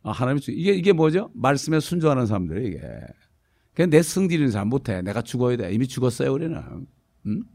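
Korean pastor preaching with rhetorical prompts. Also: male voice, big pitch swings, quick pace. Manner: conversational preaching, frequent rhetorical "어?" prompts to the congregation; swings between raised emphatic lines and low quiet asides. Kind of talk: sermon.

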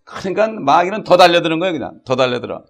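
A fairly high, creaky, expressive male voice belongs to a middle-aged pastor who talks fast as he preaches. He speaks conversationally, drifting into asides and dramatizing the prayers and voices he quotes.

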